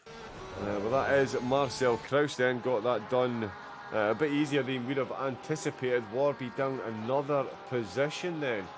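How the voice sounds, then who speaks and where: Over music, a man commentates live on a sim racing endurance stream, speaking a little slowly in a mid-range voice. He is chatty, reacting to the racing with plenty of "uh" hesitations.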